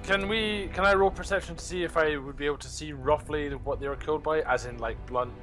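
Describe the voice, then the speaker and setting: A man's voice: fairly high pitch, brisk. A man playing a tabletop game, asking hesitant, trailing questions. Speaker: player. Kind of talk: casual tabletop role-play. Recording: background music.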